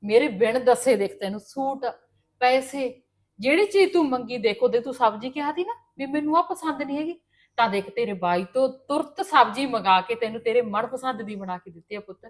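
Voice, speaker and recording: Family drama mother played by a woman, Punjabi accent, high voice, earnest lecturing tone. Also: animated, a little fast, natural voice. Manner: earnest, gently lecturing, calls her daughter "son". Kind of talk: scripted family drama acting.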